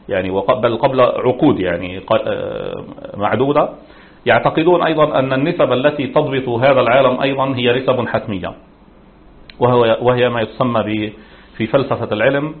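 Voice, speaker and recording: A man teaching as a religious scholar in formal standard Arabic, lecturing in a didactic, explanatory manner. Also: mid-range voice. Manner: didactic, explanatory, with rhetorical questions. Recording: muffled, narrow phone-like sound.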